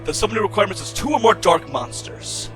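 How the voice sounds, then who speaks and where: High-pitched and animated, a man talks fast as a scornful duelist in an anime-style card game roleplay. With commanding confidence, he declaims dramatically and formally as the theatrical villain who looks down on a Chosen One. Loud background music runs under his voice.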